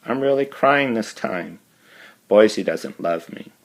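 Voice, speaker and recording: A man's voice: lowish voice, animated, slow pace. A man voicing a moody, dramatic young teenage girl in a storybook read-aloud, with plaintive, wailing pleas.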